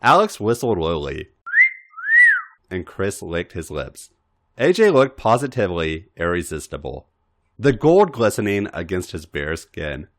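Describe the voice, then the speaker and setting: Reading fan fiction on his podcast, a man delivers the story dramatically and emphatically. His voice is low-pitched, moves through big pitch swings, and runs a touch slow.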